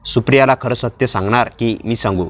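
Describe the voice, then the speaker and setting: A man voicing a calm, menacing middle-aged man who taunts smugly. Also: mid-range voice, brisk, natural voice. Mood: taunting.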